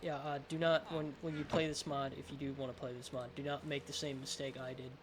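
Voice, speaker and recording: Male game showcase host, mid-pitched with a lisp, rambling and hesitant delivery, clearly noisy audio. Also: little pitch movement, fairly quick. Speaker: gaming video host. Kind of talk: casual game showcase commentary.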